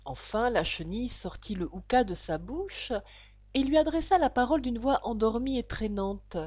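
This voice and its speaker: A woman narrating a classic storybook aloud in a slow, expressive reading. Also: on the high side, no room sound. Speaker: audiobook narrator.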